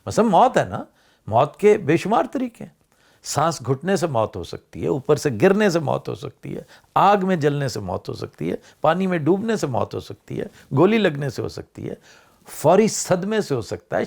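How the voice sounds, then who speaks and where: An older man talks through his thoughts in a casual vlog. His voice sits fairly high and swings widely, climbing on emphatic points and dropping low to close each thought. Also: creaky, darkish tone. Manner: discursive, rising and falling emphasis, mixes in English words. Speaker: vlog host.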